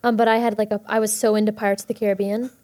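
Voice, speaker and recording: A young woman chatting as a podcast guest, bubbly and quick, with many fillers and restarts. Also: medium pitch, level tone, a little mellow. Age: young adult. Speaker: guest actor. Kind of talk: casual podcast chat.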